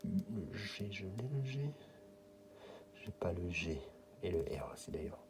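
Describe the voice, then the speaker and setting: A man's voice: low voice, expressive, a little slow, background noise. A French man giving casual running commentary, muttering and half-whispering letters as he checks a card. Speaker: scratch-card vlogger.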